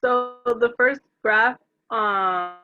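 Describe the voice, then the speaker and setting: A woman's voice: medium pitch, drawn-out words, soft background music. A woman student asking her teacher a question hesitantly, with many fillers, heard over a call line that keeps breaking up. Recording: dull lo-fi call audio from far off.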